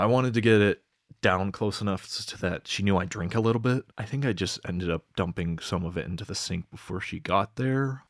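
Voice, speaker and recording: A young man telling a rambling comedic story to camera, deadpan, with lots of fillers and swearing. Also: low voice, dry recording, clean studio sound. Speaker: vlogger.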